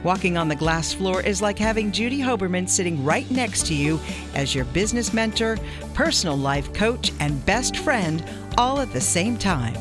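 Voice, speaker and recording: A woman announcer gives a polished, persuasive promotional read. Her voice sits somewhat low, and a clear music bed plays under her.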